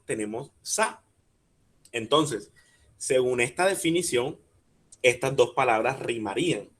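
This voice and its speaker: A man teaching a workshop over a video call. He patiently explains step by step, asks the audience questions and slowly spells out syllables. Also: medium pitch, a bit bright. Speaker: workshop speaker teaching rhyme. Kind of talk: online workshop lecture.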